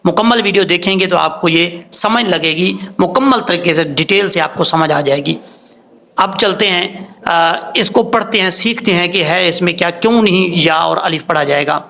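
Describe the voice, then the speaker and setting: A man leads a Quran recitation lesson in a high, bright voice. He explains patiently and spells out the letters one by one. He stretches his chanted examples out slowly. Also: creaky. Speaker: Quran tajweed teacher.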